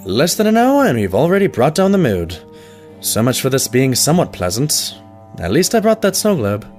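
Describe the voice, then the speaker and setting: A man's voice: mid-range voice, wildly swooping pitch, moderate pace, a little mellow, faint music behind. A man acting a polite, long-suffering pony doctor in an audio drama, courteous with a dry, wry edge.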